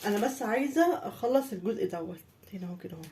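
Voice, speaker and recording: A home baking vlogger with an Egyptian Arabic accent chats to viewers while decorating a birthday cake in her kitchen, talking them through each step. Her mid-range voice is expressive and warm, and she speaks very fast in this casual tutorial.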